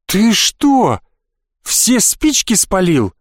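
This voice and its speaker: A man voicing a blunt, practical teenage boy in an audiobook, curt and quick to yell. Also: high-pitched, huge pitch swings, no echo, clean studio sound, pitched above the performer's own voice, exaggerated voice. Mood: angry. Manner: blunt, shouting when angry. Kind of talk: audiobook character voice.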